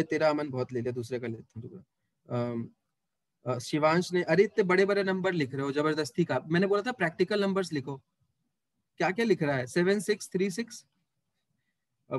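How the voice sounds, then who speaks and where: A man's voice: high-pitched, dry recording. A man teaching a live online math class, chatting with students and teasing them as he works sums aloud.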